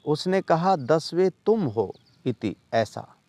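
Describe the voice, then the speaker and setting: Male teacher, patient, line-by-line lesson, very slow, dry close sound. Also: a little high, lively intonation, darkish tone, dry recording. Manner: reads a line, then translates it slowly and patiently. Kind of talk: classroom lesson explaining a textbook chapter.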